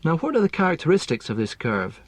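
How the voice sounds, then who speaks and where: A man explaining language teaching in a scripted lesson, speaking in a measured, precise way. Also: a little high, huge pitch swings, breathy edge, dry recording.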